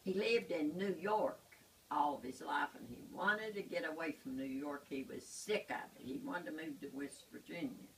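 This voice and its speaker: A sweet old lady tells a folksy joke at her own unhurried pace. Her voice is low and full of creak. She sounds some way from the microphone, with faint noise around her. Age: older. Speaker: grandmother telling a joke. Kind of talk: homespun joke storytelling. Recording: distant mic, faint background noise.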